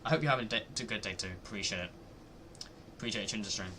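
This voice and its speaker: A man's voice: fairly low pitch, racing, crowd noise. A man streaming live, reacting to a video and arguing his point over and over. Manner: argumentative, repeats himself, gets loud when annoyed.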